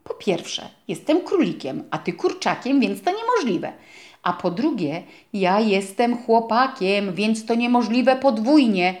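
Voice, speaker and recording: A woman's voice: fairly high pitch, very animated, unhurried, darkish tone. A woman voicing a grumpy, matter-of-fact young male rabbit who lectures and explains things plainly, in a storybook reading. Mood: indignant. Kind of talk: storybook character voice.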